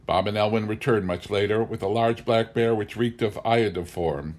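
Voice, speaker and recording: An audiobook reader with a fairly low, darkish voice reads a humorous memoir aloud. His scripted, measured delivery carries a wry storyteller's phrasing.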